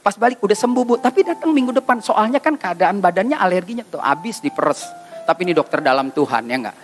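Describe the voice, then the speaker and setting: A male pastor, preaching a lively, joking sermon in street slang at a retreat. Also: sits high, fast, soft background music. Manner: joking, teasing, slangy storytelling. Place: church retreat session.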